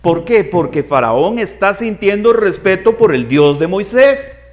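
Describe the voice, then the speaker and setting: Pastor preaching, acts out the characters, asks the crowd stuff. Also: male voice, high-pitched, a little slow. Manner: animated preaching, asks the congregation questions; acts out voices in the story. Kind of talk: sermon.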